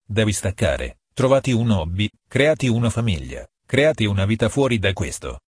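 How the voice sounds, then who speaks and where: A man's voice: lowish voice, big pitch swings, normal speed, husky, no echo, clean studio sound. A man voicing a stern but caring male police officer who speaks firmly and insistently in an audiobook reading. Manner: firm, insistent.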